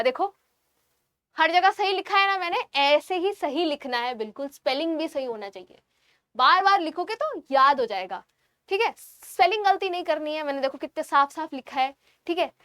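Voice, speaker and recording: This high-pitched, fairly bright-toned woman teaches biology in an online exam-prep session. The sound is clean studio audio with no room sound, as she slowly spells out terms, writes on screen and checks in with the class.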